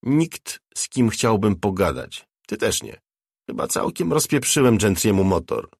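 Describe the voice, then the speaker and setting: A man's voice: lowish voice, sing-song, measured pace, slightly rough, dry recording, clean studio sound, heavily acted. A man voicing a battered young male biker, curt and cocky, in an audiobook reading. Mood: defiant.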